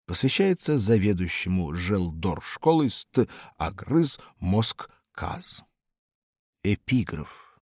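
Lively male reader of a comic story. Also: sits low, slightly rough, dry recording, studio quality. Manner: lively, theatrical reading. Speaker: narrator. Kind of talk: storybook reading.

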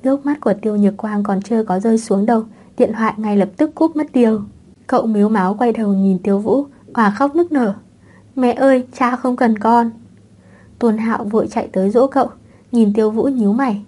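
A woman reads a web novel aloud in a calm, steady storytelling manner. Her voice is mellow and dark, with a scripted audiobook delivery. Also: a little high, fast talker, breathy edge. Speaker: audiobook narrator.

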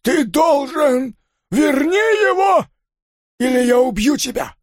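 A hoarse, shrill, screaming thug of middle years, frantic with rage and fear. The voice sits far above a normal man's speaking pitch and lurches wildly up and down. It is dry and close, with no room sound. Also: very animated, a little slow, no echo, exaggerated voice. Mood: furious. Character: furious panicking middle-aged father, violent thug.

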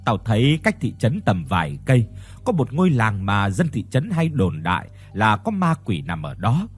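A man's voice: on the low side, very animated, moderate pace, slightly rough, faint music behind, heavily acted. A man voicing an eager, persuasive young man who leads his group of friends on an adventure.

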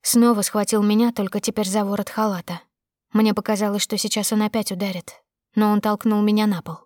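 Her medium-pitched voice has a darkish tone and little pitch movement, running a little fast. She narrates a dramatic first-person audiobook with tense emotion, recorded close and dry without any echo.

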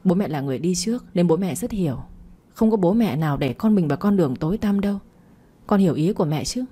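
A woman reading the part of a gentle, persuasive middle-aged mother in a storybook reading. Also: fairly low pitch, expressive, fast, breathy edge. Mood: coaxing. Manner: gentle, coaxing.

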